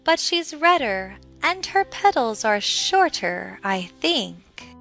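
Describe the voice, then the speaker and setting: A smug garden rose, voiced by a woman in a children's audiobook, talking down in an airy way. The voice is fairly high and bright, with soft music behind. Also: big pitch swings, takes it slowly, creaky, heavily acted. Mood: condescending. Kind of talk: dramatized children's audiobook acting.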